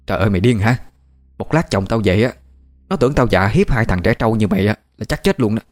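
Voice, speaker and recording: A man voicing a scolding older countrywoman who runs a shop, talking rapidly and exclaiming. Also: on the low side, lively intonation, no echo, studio quality, lightly acted.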